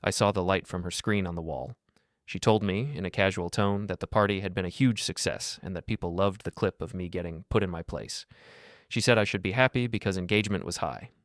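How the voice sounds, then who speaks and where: A man telling a first-person story as scripted narration, in a calm, measured and even way. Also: deep voice, dry recording, studio quality.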